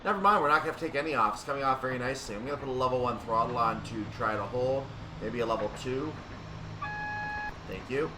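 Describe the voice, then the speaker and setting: A fast-talking gaming video host plays a train simulator and gives unscripted commentary, thinking aloud and explaining each step. The mic is distant, leaving a roomy sound with a steady hum and rumble.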